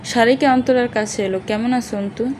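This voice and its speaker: A woman's voice: on the high side, fairly even intonation, brisk, a little mellow, slight background noise, low-quality recording. A woman reading an audio story aloud, narrating and speaking every character's dialogue in one voice.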